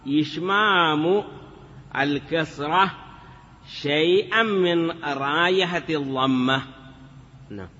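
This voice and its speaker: A man's voice: fairly high pitch, slow, long pauses, pushed and bright, in a large hall, muffled recording. A man teaching Arabic grammar in a patient classroom lecture, repeating examples and chanting some in a sing-song lilt.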